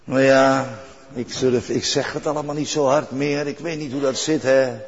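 Older guy preaching, husky, says things twice, long echo in a big church. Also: medium pitch, fairly even intonation, normal speed. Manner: earnest, repeats key phrases. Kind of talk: sermon. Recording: dull recording with long church reverb.

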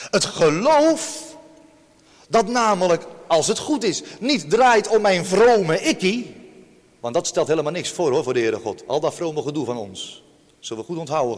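A man preaching a sermon to his congregation, emphatic, with sharp swings in pitch and loudness. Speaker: pastor. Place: church. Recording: long church reverb.

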